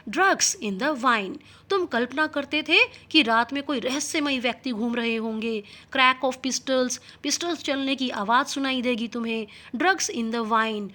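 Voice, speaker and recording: A woman teaching English, reading a story's English text slowly and then explaining it in Hindi. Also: high-pitched, bright, forceful tone.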